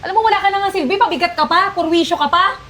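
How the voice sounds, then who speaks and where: A woman's voice: rapid-fire, pushed and bright, a little hiss or hum. An actress playing a cruel young woman who scolds and mocks her elderly mother in a melodrama. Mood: contemptuous. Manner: scolding, shrill and mocking. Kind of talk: melodrama acting.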